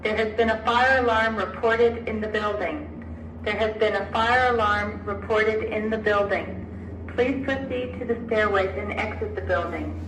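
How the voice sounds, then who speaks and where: A woman's recorded emergency announcement played over a PA loudspeaker, formal and measured, giving instructions. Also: mid-range voice, recorded from a distance. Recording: echoey loudspeaker heard from afar, noisy.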